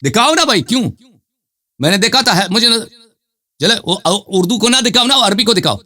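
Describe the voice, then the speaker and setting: Debate host, male, bright voice, lively pitch, pushy and repetitive. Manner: insistent, repeats demands, accuses the caller of lying. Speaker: host of a live debate show. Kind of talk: heated live debate.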